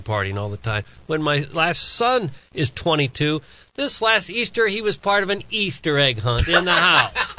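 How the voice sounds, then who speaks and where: A man's voice: mid-range voice, pushed and bright, a little hiss or hum. A middle-aged man from St. Louis, a radio co-host telling stories in a ranting, exasperated way. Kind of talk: sports radio banter.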